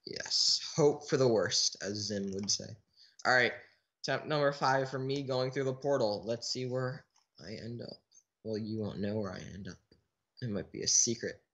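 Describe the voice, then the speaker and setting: A man's voice: medium pitch, moderate pace, a bit bright. A man giving casual let's play commentary, chatting in a restless way with a teammate who cannot be heard. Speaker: gaming channel host.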